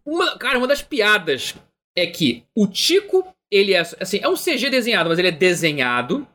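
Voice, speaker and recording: A man with a Brazilian Portuguese accent, co-hosting a live-streamed chat show in an animated, rambling, joking way, full of slang. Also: high voice, a little fast. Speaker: podcast co-host.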